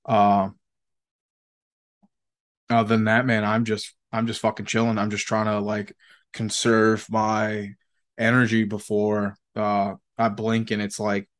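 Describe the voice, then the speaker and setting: A man's voice: lowish voice, monotone, a little slow. A man co-hosting a podcast in casual chat, rambling and slangy, with plenty of swearing. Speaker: podcast co-host.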